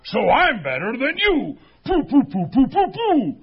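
A man doing a raspy bragging bear. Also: very high-pitched, huge pitch swings, highs cut off, faint music behind, pitched above the performer's own voice, full character voice. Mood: boastful. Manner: boastful, drawn-out. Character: big bragging male bear, pompous.

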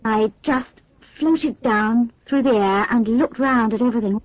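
A woman's voice: a little high, unhurried, dry recording. A woman playing an adult recalling her first flights, telling it in an effusive, storytelling way in a dry, muffled studio recording. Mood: delighted. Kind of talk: scripted listening exercise monologue.

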